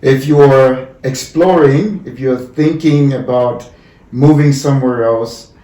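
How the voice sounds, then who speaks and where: A man's voice: medium pitch, slow pace, dark tone. A man from Cameroon hosting a podcast, enthusiastic and affirming, often answering with "yeah". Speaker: podcast host. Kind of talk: casual podcast interview. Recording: roomy, distant mic.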